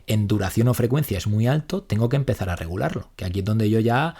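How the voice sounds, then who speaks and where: A young man with a Spain Spanish accent, a psychologist co-hosting a casual podcast, talking quickly and acting out example lines. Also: lowish voice, husky. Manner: fast, animated, acts out example lines. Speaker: psychologist co-host.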